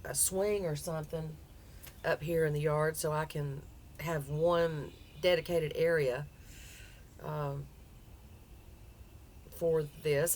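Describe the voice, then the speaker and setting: A woman with a low voice talks in a folksy Southern US drawl, chatty and informal like a home crochet vlogger. She is recorded outside on a porch, with light outdoor noise behind her. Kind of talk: casual, chatty vlog.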